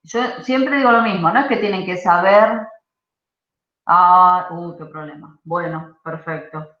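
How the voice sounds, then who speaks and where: A woman teaching an English grammar class online, explaining patiently and often checking in with a quick "¿sí?". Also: lowish voice, a bit bright. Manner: explanatory, checks understanding with frequent "¿sí?". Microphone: video call. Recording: muffled roomy video-call audio.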